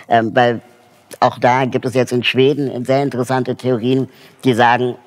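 Man, mid-pitched, lecturing in a hall; thoughtful, filler-heavy delivery. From Germany. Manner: thoughtful, frequent hesitation fillers. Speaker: social project founder giving a lecture. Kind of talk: explanatory lecture talk. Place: lecture hall with student audience.

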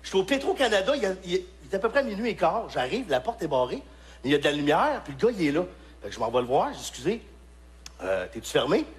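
A male stand-up comedian from Quebec with a Québécois accent, telling stories on a live stage and shouting his punchlines. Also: high voice, very fast. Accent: Québécois French. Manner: animated storytelling with shouted punchlines.

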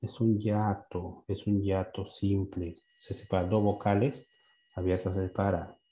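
Male teacher with a low, warm voice; a patient questioner who drills his class and repeats each word slowly. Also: little pitch movement. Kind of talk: classroom lesson.

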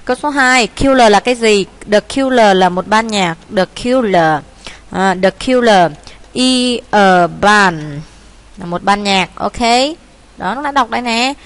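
A woman English teacher with a Vietnamese accent, talking through the answers of a test paper, with many fillers, and reading the English words out slowly as she thinks aloud. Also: mid-range voice.

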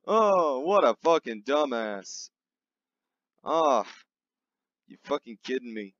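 Slow-talking profane ranting man. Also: medium pitch, very animated, fairly bright tone, no room sound. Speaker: host. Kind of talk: satirical comedic rant. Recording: dry, dull sound with faint music.

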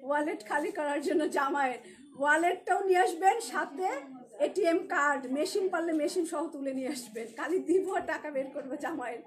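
Selling clothes from her shop over a live stream, a Bangladeshi Bengali-accented woman jokes around and welcomes viewers by name in a chatty way. She has a high voice and a fairly quick delivery.

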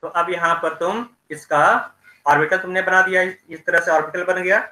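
A man teaching chemistry in an online class, explaining slowly and checking in with his students often. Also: sits high, fairly even intonation, pushed and bright, roomy sound, rough recording.

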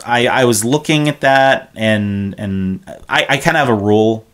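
A man's voice: on the low side, moderate pace, a bit bright. A man in his forties co-hosting a podcast, talking in a rambling, hesitant way in casual chat. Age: 40s. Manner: rambling, hesitant, many restarts. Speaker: podcast co-host.

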